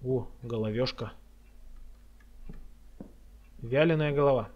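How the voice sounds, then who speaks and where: A man's voice: medium pitch, takes it slowly, a little mellow, lo-fi sound, slight background noise. Nervy, sweary man streaming a horror game. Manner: nervy, jumpy, muttering reactions to scares. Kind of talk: casual horror game playthrough commentary.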